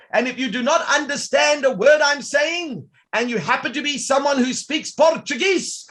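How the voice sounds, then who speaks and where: In a very high voice, a man hosts a live online software demo, bringing an upbeat, showman's flair and talking straight to his audience.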